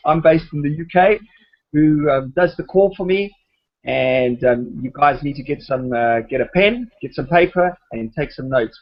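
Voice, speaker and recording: A man hosting an online call, friendly but halting, with many uhs and ums. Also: a little high. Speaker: host. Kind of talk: webinar introduction. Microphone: video call. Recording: dull lo-fi call audio.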